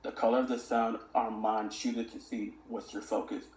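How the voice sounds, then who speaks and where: The voice is fairly low and a little mellow, delivered flatly at a normal speed, as a young man earnestly reflects on mentoring kids and recites lyrics of his own. It's a reflective conversational podcast interview, and the room echoes.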